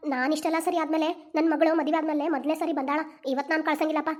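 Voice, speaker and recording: A woman's voice: high voice, flat delivery, fast, lightly acted. A woman voicing heartfelt North Karnataka village women. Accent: North Karnataka Kannada. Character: village women of a family, emotional aunt and niece. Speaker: main voice actor of a cartoon channel. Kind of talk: cartoon family drama dubbing.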